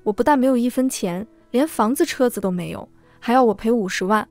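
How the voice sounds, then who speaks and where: A woman's voice: on the high side, brisk, a little mellow, no echo, soft background music, natural voice. A woman voicing a defiant, indignant wife in a read-aloud story. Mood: angry. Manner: indignant, spiteful. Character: furious, defiant cheating wife.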